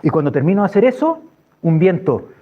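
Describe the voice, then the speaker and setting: A man with a high voice preaches a testimony, acting it out with vivid storytelling and little sound effects. The recording is dull and lo-fi. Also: sing-song, fairly quick, a little hiss or hum. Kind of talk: sermon testimony.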